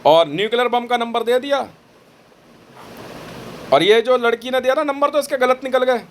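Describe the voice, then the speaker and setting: A man telling a dramatic story in a boastful, animated way, quoting the dialogue as he goes. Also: very high-pitched, moderate pace, a little hiss or hum. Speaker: vlogger recounting phone calls.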